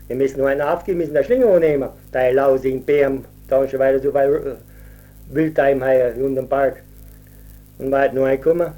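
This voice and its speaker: A man's voice: mid-range voice, fairly even intonation, a little fast, mellow. An older man with a who tells a rambling folk tale and acts out the people in it. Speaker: storyteller. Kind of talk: folk storytelling.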